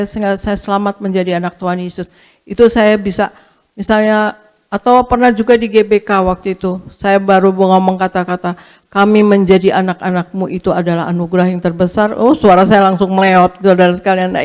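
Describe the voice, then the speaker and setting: A woman's voice: medium pitch, a little mellow. An older woman pastor giving a personal testimony in a sermon, telling her story and often turning to address the congregation directly.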